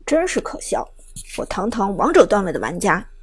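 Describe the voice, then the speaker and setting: A woman's voice: mid-range voice, big pitch swings, moderate pace, slightly rough, no room sound, voice pushed down. A woman voicing an arrogant young male gamer who cannot accept losing, speaking with scornful, boastful threats.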